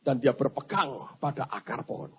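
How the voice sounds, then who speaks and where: Animated, husky preacher telling a story. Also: male voice, mid-range voice, moderate pace. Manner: animated, addresses congregation as 'saudara'. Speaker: pastor. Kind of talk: sermon storytelling. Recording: dull lo-fi sermon recording.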